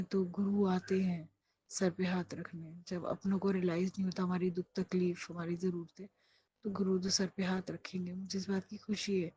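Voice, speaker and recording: A woman's voice: fairly low pitch, dark tone, slight background noise, rough recording. A middle-aged woman speaking a personal prayer, earnest and pleading as she asks for guidance for her children. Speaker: devotee praying aloud.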